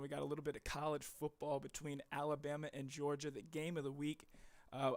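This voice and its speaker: A man's voice: a little high, vocal fry. A man giving sports betting picks on a live stream, casual and rambling with lots of fillers, a little out of breath.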